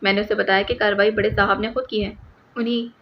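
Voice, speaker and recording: A woman's voice: mid-range voice, level tone, natural voice. A woman voicing a hot-tempered, blustering male police superintendent in an audiobook, with an angry, scolding tone. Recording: slightly muffled with faint hiss.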